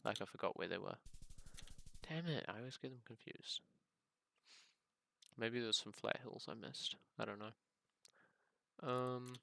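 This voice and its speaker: A man's voice: lowish voice, vocal fry, pushed and bright, smooth. A man chatting casually over gameplay as a streamer, musing aloud in a rambling way as he plays. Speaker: gaming content creator and live streamer.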